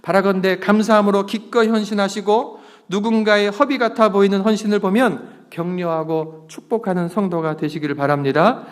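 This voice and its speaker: A middle-aged pastor with a high-sitting voice preaches a sermon at normal speed, earnest and emphatic, pulling the congregation into call-and-response. He is in a church sanctuary, and the recording carries its long reverb.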